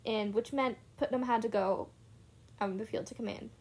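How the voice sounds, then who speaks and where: A young woman recaps a novel in a relaxed, chatty way and drops "like" into nearly every sentence. Her voice sits a little higher than most women's. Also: moderate pace, breathy edge. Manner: chatty retelling with many "like" fillers. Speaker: book reviewer. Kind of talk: casual book recap.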